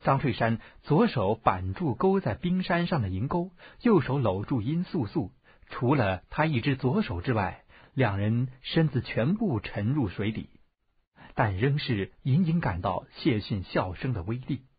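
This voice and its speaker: A man narrating a martial-arts novel as an audiobook, telling it expressively with a husky voice. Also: medium pitch, a little slow, no room sound. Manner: expressive storytelling, varied tone. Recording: dull, dry lo-fi audiobook recording.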